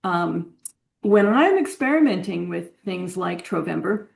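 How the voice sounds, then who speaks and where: A woman's voice: lowish voice, animated, a little slow, vocal fry. A woman sharing her experience as a participant on a group video call, chatty and meandering. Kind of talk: casual chat.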